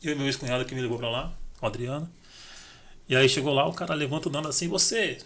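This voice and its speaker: A fast-talking man from Brazil, described as São, tells stories as a podcast guest in casual storytelling. His voice is medium-pitched, and he's animated, acting out the dialogue in his tales.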